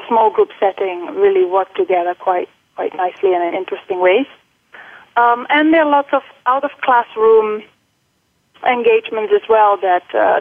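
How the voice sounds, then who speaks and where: A Dutch woman in her forties, her accent carrying some British and American touches, appears as a guest in an interview; she is a college faculty member. Speaking at a middle pitch, she halts often, with lots of ums and restarts. The audio is thin and tinny like a phone line, without room echo.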